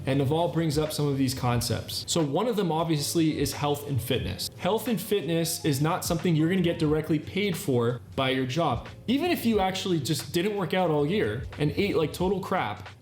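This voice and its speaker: A channel host in his thirties gives an earnest self-improvement talk, explaining with repeated, list-like phrasing. His voice is on the high side and darkish, brisk with few pauses, in an echoey room with faint background music.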